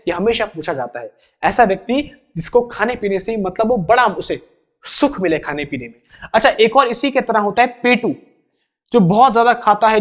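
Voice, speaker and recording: Man, Indian accent, English teacher, high-pitched voice, explains step by step, repeats key words. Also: dull audio. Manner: reads English definitions slowly, then explains in Hindi. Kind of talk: exam-prep vocabulary lesson.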